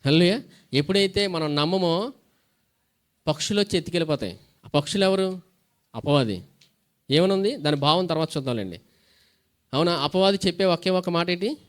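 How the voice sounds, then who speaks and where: High-voiced man preaching a sermon. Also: animated, brisk, long pauses. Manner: call-and-response preaching, asks questions and answers them; reads scripture aloud between plain explanations. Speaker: pastor.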